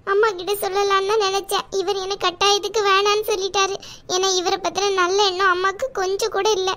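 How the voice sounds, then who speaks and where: A woman's voice: very high voice, pushed and bright. A woman voicing a timid young married woman in a cartoon, tearful, pleading and apologetic. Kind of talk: cartoon voice acting.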